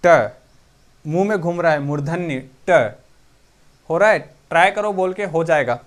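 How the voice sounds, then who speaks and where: A man teaching an exam-prep lesson, slowly repeating each term so students can write it down. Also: a little high.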